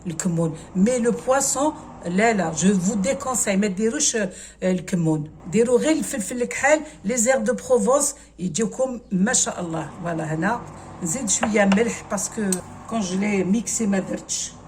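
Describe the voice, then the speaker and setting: Fast and lively in intonation, with a medium pitch and a darkish tone, a woman with an Algerian accent takes viewers of her cooking channel through a recipe step by step, casually slipping in French words. Slight background noise is present.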